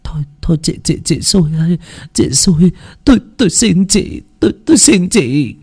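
A storyteller voicing a humble older countrywoman who pleads softly and stammers. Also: medium pitch, lively intonation, normal speed, breathy edge, pitched above the performer's own voice. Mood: pleading.

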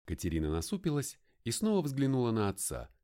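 A man reading an audiobook in the first person, his pitch rising and falling with great liveliness as he tells the story. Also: wildly swooping pitch, brisk, dark tone. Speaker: narrator. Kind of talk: audiobook narration.

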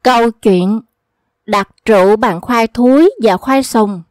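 A woman reading humorous folk tales aloud at a steady, even pace. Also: on the high side, a little slow, no room sound, studio quality. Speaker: storyteller.

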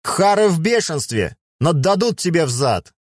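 A man reading an audiobook, voicing a jovial middle-aged chieftain and father with hearty, booming greetings. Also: very animated, moderate pace, no room sound, clean studio sound. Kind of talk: audiobook character voice.

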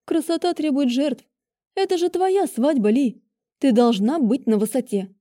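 A woman's voice: sits high, unhurried, mellow, voice pushed up. A woman voicing a stern, bossy female witch who grumbles and gives strict orders in an audiobook. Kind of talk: audiobook character voice.

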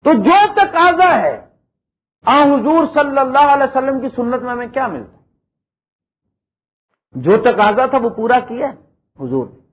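Middle-aged male preacher, very high husky voice, dramatic swings in delivery, tinny lo-fi lecture recording. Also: lively intonation. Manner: dramatic, swings from high emphatic lines to low quiet ones; recites verse lines slowly. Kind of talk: Urdu religious lecture.

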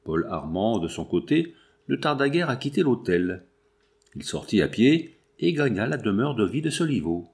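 A man narrating a novel as an audiobook in a steady, measured reading. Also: fairly low pitch. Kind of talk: scripted narration.

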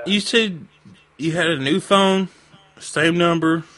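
A man talking through a voice changer that pitches his voice deeper, a brash and crude prank caller hosting a radio show. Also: takes it slowly, bright, forceful tone, poor audio. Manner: brash, crude, bro-talk, pushy. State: drunk. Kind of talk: prank phone call.

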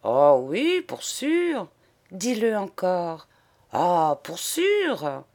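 A woman's voice: lowish voice, huge pitch swings, extremely slow, darkish tone, heavily acted. A woman voicing a slender, sly teenage boy who drawls his reassurances. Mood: drawling.

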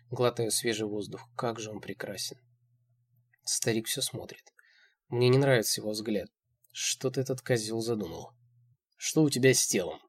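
Male audiobook reader, husky, measured delivery. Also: fairly low pitch. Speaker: audiobook narrator. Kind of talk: first-person audiobook narration.

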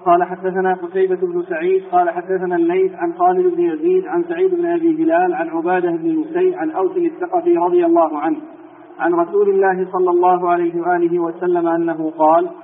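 A man's voice: sits high, fairly even intonation, quick pace, slight background noise. Man reading hadith chains over a tinny line. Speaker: student reading the text aloud. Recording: tinny phone-like lo-fi recording.

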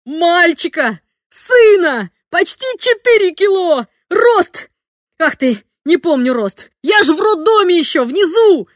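A woman voicing an excitable middle-aged man who has just become a father again, shouting with joy. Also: extremely high pitch, slow pace, no echo, studio quality, voice pushed up, full character voice. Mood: elated shouting.

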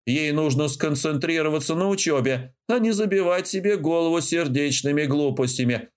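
A man's voice: fairly high pitch, lively intonation, moderate pace, natural voice. A man voicing a pompous older male rear admiral who lectures his subordinates in an audiobook. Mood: lecturing. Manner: lecturing, self-important.

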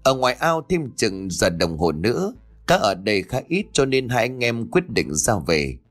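A man telling a ghost story in a dramatic, expressive narration. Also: medium pitch, normal speed, faint music behind.

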